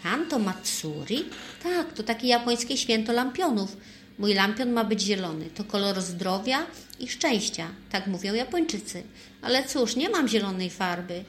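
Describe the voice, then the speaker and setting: A woman voicing a tearful, excitable female monkey in a storybook, squealing and quick to despair. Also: medium pitch, close to an everyday voice.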